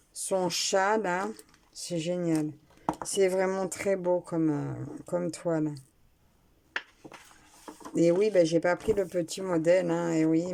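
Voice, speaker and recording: A woman's voice: on the low side, creaky, warm tone, slight background noise. A woman chatting casually while unboxing a craft kit at home, talking with hesitations and restarts into a nearby camera mic. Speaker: craft vlogger. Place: at home, indoors.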